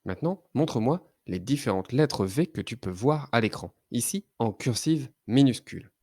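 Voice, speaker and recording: A man teaching a child to read, sounding out letters and syllables slowly and carefully. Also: medium pitch, animated, a little mellow, dry recording, studio quality. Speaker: reading teacher. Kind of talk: children's phonics lesson.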